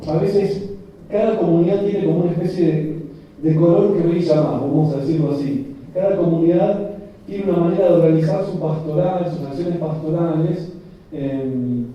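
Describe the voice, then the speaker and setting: Priest giving a talk, kinda highish voice, lots of umms and restarts, super echoey hall, muffled. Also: male voice. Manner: searching, reflective, many fillers and restarts. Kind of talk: informal lecture to a catechesis group. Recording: echoey, dull audio from far off.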